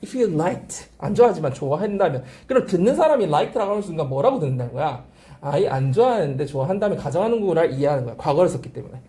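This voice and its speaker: A woman's voice: sits low, sing-song, very fast, warm tone. A woman teacher lecturing on English grammar, modelling phrases aloud and coaxing the class to repeat after her.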